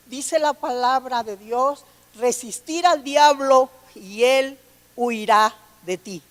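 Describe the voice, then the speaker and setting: A woman preacher delivering a sermon, reading scripture aloud and calling her listeners brother and sister. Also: on the high side. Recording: long hall reverb.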